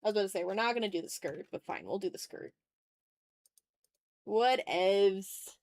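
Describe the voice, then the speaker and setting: This woman talks at a moderate pace in a medium-pitched, animated, slightly mellow voice, with no echo. She's an illustrator hosting an art livestream, drawing while she jokes informally with viewers and lets the odd mild swear slip.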